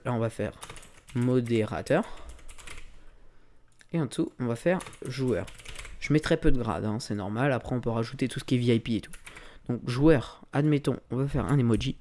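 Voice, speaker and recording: A man's mid-range voice guides a laid-back screen-recorded tutorial as he narrates each click with plenty of filler words. There's a little hiss or hum in the recording.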